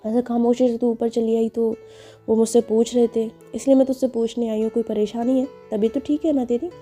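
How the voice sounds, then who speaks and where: A woman storyteller voicing a caring middle-aged mother who gently questions her daughter. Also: on the high side, flat delivery, brisk, faint music behind, lightly acted. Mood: concerned. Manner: concerned, coaxing questions.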